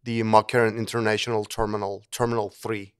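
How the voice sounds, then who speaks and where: A middle-aged man talks earnestly as an interview guest, often backing up to restart a phrase. His voice sits fairly low and sounds smooth and resonant. The recording is close and dry, with no room sound. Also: flat delivery, fairly quick, dry recording. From Turkey. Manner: earnest, with frequent restarts and repeated words. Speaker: guest, engineering professor. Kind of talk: conversational interview.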